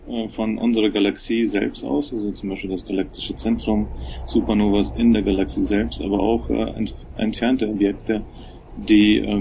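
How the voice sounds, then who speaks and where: Gravelly man over a low-quality stream. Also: dark tone. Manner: hesitant, many filler sounds, restarts. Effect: low-quality stream with degraded sound. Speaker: technical coordinator of a telescope project. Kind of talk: explanatory interview answers. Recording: dull, lo-fi, noisy remote recording.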